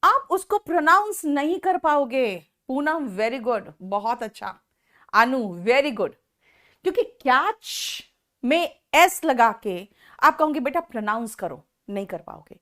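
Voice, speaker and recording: Teaching English online, this woman mixes Hindi with English as she explains at an unhurried pace, naming students when she praises them. She has a high, expressive voice that sounds pushed and bright.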